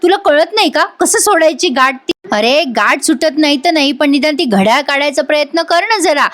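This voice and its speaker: A woman voicing a young woman who argues and scolds with quick, impatient retorts. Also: sits high, expressive, a bit bright. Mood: exasperated. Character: young woman arguing, exasperated and quick-tongued.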